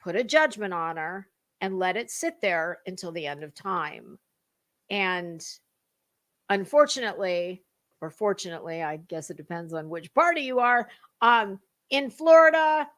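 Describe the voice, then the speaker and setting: An American woman with a mid-range, slightly bright voice reads documents aloud online, mixing dramatic reading with casual, gossipy commentary. She's blunt and snarky, adding theatrical emphasis.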